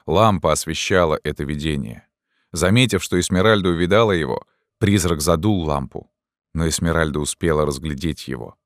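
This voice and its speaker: A man narrating an audiobook in a measured, even storytelling manner. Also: rumbling low, dry recording, clean studio sound.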